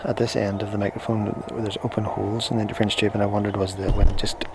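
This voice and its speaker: Low-voiced man, noisy on-camera mic. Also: level tone, quick pace. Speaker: product reviewer. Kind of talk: casual product demonstration. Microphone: small on-camera shotgun microphone via recorder into camera.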